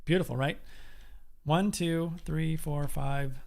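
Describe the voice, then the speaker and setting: A man's voice: a little high, steady tone, takes it slowly, vocal fry, darkish tone. A man teaching a live animation class, walking through a shot pose by pose and briefly acting out the character's lines. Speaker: animation instructor.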